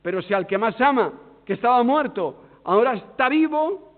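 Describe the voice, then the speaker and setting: A man with an accent from Spain preaches a sermon, his voice high and full of rises and falls. He pushes some words hard and drops others to a near hush. The sound is thin like a phone line, with long reverb from a large hall. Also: moderate pace. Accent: Spain Spanish. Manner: expressive, swings between loud emphasis and hushed tones.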